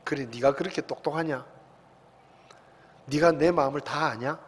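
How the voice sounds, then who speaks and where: A man's voice: a little high, slightly rough, big-room sound, pitched below the performer's own voice. A man preacher acting as God, firing off stern, scolding questions at a man. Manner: loud, scolding rapid-fire questions.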